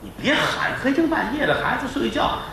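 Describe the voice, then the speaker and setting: A man's voice: extremely high pitch, huge pitch swings, brisk, pushed and bright, slight background noise, pitched above the performer's own voice, heavily acted. A male storyteller voicing a frightened young peasant wife pleading and denying, heard from a distance in an echoey live hall. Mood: hushing.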